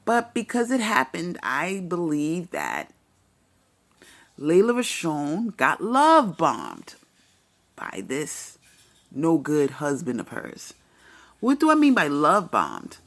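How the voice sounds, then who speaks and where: A woman talks through celebrity gossip in an unhurried, opinionated way. Her lower voice moves through a wide, expressive range. She is blunt and profane, and she states her views like settled fact. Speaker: commentary vlogger. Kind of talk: casual celebrity gossip commentary.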